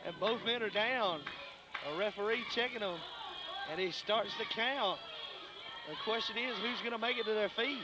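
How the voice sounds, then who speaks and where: A man calling live wrestling in a measured, polite way. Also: high-pitched, loud music behind the voice. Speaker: play-by-play commentator. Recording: clearly noisy live event background.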